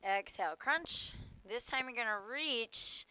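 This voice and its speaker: Female yoga instructor, casual and playful, cueing moves and breath in short phrases; crisp, bright voice, dry sound. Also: on the high side, lively intonation, a little slow, dry recording, lo-fi sound. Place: outdoors.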